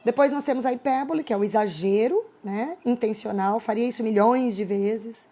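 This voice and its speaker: A Brazilian woman teacher records a lesson for her class. Her voice sits a little high. She explains patiently and keeps checking in with her students through quick tag questions. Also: warm tone. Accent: Brazilian Portuguese.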